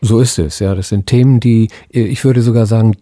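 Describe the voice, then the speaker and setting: A middle-aged man giving expert explanations in a radio interview, thoughtful and halting, pausing mid-phrase. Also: fairly low pitch, fairly even intonation, mellow, no echo, clean studio sound. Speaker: psychoanalyst and academy president, interview guest.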